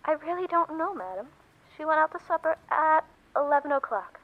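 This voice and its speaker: High-voiced officious hospital receptionist played by a woman. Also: big pitch swings, brisk, phone-quality sound. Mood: detached, polite. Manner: polite, officious, detached. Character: formal, unhurried hospital receptionist woman on telephone. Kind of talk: radio play acting.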